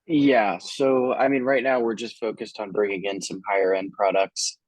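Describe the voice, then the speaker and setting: A man with a very low voice comes through a video call, talking as a store buyer. His speech is relaxed and loose, with plenty of fillers. The call audio sounds dry and close, with no room around it. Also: normal speed, no room sound, poor audio. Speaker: store buyer in a role-played sales call. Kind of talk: casual business talk.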